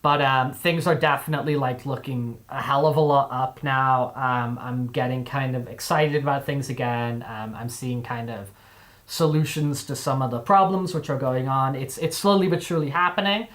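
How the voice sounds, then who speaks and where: A man's voice: mid-range voice, fairly even intonation, moderate pace, a bit bright. A young man with a mixed, displaced accent, chatting casually on a live stream, rambling with many fillers and restarts.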